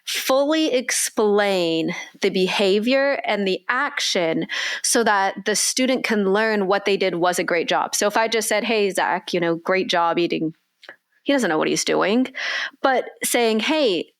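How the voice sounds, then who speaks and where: A woman's voice: medium pitch, expressive, unhurried, smooth. Enthusiastic woman co-hosting a podcast. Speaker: podcast co-host. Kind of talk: casual podcast chat.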